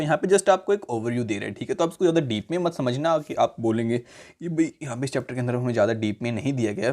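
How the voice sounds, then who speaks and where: A young man with an Indian accent teaching a textbook lesson. He reads the English text slowly, then explains it in chatty mixed Hindi and English and keeps checking in with the class. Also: mid-range voice, a little mellow.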